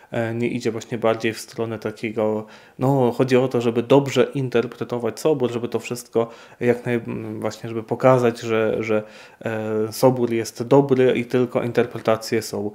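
In an unscripted question-and-answer session, a man who is a priest responds to viewers. His voice is warm and mid-range, and his measured delivery is broken by frequent hesitations.

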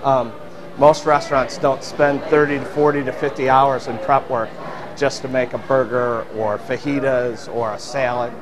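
A man's voice: medium pitch, flat delivery, moderate pace. A middle-aged man, a restaurant owner, answering interview questions with many fillers and restarts, seated in a busy dining room. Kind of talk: on-camera interview. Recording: restaurant crowd noise behind. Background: diners chattering.

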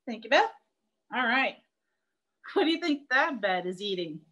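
Bubbly high-voiced woman teaching kids. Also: very animated, normal speed, fairly bright tone, poor audio. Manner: chatty and playful, laughing often. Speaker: zoo educator. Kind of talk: live online zoo lesson.

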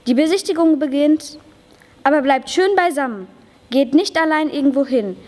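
Fussy, effusive little old chocolate maker read by a girl, high voice, echoing hall. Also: normal speed, darkish tone, lightly acted. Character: lively, excitable small old male chocolate maker. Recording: long reverb of a school hall.

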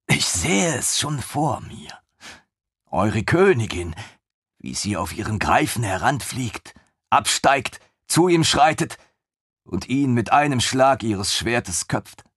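A man voicing an eager, naive young male lieutenant in a fantasy audiobook, talking in an excitable, pompous way. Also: mid-range voice, takes it slowly, husky, no echo, studio quality, pitched above the performer's own voice, heavily acted. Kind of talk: audiobook character voice.

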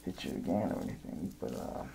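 A man plays a creepy, unhinged evil jester in an ASMR horror roleplay, muttering and rambling in fits and starts and often sinking to a whisper. His natural voice sounds nervous and dithering, with background noise present.

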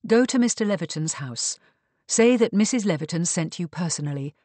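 A man's voice: sits high, expressive, fairly quick, darkish tone, dry recording. Man voicing a firm, urgent young heroine. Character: resourceful young woman, polite but firm.

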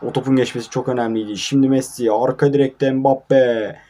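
Young male gamer, mid-pitched, tired and irritable play-by-play, snaps at his team. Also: steady tone, brisk. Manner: sleepy and grumbling, erupting into frustrated shouts at his players. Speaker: mobile football gamer. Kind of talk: casual live gameplay commentary. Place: at home at night.

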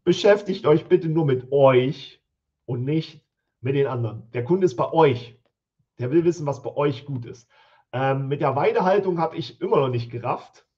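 A man's voice: a little high, lively intonation, normal speed, dark tone, slightly rough. A man with a German accent hosting a live review of product listings, blunt and thinking aloud as he goes, recorded from a home office. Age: adult with school-age children. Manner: blunt, thinks aloud, mutters while counting. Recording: slightly dull, lo-fi stream audio.

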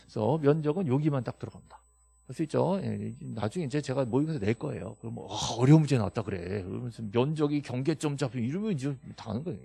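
A man teaching a classroom lecture, emphatic and quizzing his students with quick questions and answers. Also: medium pitch, gravelly, warm tone, breathy edge, dry recording. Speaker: real estate law instructor.

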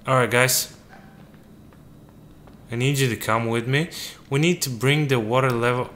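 A man's voice: medium pitch, measured pace, fairly bright tone, a little hiss or hum. A man giving casual gameplay commentary, joking and talking to the game's characters as if they were his crew. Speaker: let's play gamer.

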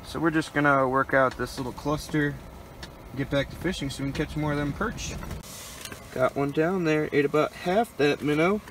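A man's voice: fairly high pitch, moderate pace, a bit bright, a little hiss or hum, poor audio. A young man casually vlogging his ice fishing from inside a small shanty, chatty and joking to the camera. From Michigan. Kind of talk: casual outdoor vlog narration. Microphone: handheld action camera.

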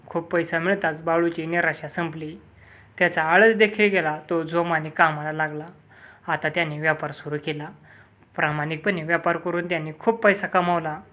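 A storyteller reads a folk tale aloud in scripted storybook narration. The delivery is steady and measured, at a middling pitch.

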